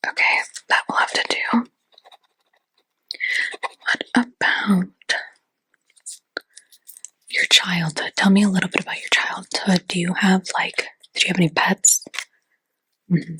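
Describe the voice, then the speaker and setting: A woman's voice: on the low side, steady tone, measured pace, pauses often, bright, forceful tone, breathy edge, no echo, low-quality recording. A woman whispering in a chatty ASMR roleplay as a fortune teller, with lots of casual fillers.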